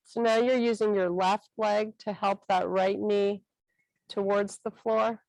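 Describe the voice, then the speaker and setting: A woman guides a stretching class, talking students through each position with calm, encouraging cues. Her delivery is slow and unhurried, with a gravelly texture to her voice. The sound is dry and close. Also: medium pitch, no room sound, poor audio.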